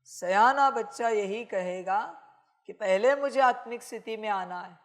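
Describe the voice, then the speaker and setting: A woman's voice: medium pitch, measured pace. A woman giving a channeled sermon, speaking as a divine father to her children, scolding them with emphatic rhetorical questions. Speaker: spiritual messenger.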